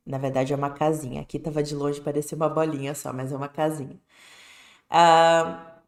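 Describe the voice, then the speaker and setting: A woman teaching in a casual, chatty way, explaining and rising in pitch for emphasis. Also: echoey room. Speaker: English teacher. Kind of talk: casual online lesson.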